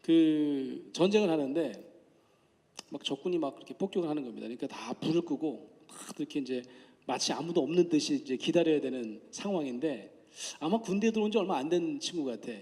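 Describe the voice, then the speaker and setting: A man's voice: fairly high pitch, animated, brisk, darkish tone. Male professor lecturing in a reverberant hall. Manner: conversational, asks the audience questions; acts out quoted voices in anecdotes. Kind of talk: public lecture.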